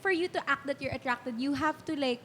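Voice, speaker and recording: A woman's voice: high voice, brisk, a bit bright, a little hiss or hum. A Filipino woman chatting casually as a talk show co-host, switching between Tagalog and English mid-sentence. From Philippines. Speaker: talk show co-host, works in entertainment industry.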